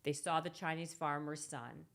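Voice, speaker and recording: A woman's voice: sits low, normal speed. A woman guest on a podcast, casually retelling a parable with frequent restarts and laughter. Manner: animated, laughing, restarts often. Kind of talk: casual chat, telling a parable.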